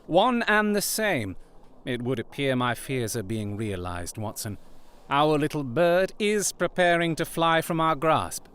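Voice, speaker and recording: An animated, commanding Sherlock Holmes. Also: male voice, on the high side, smooth. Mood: grave, calculating. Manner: theatrical, deliberate, formal diction. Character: Sherlock Holmes, shrewd, commanding Victorian gentleman detective. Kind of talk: period audio drama acting.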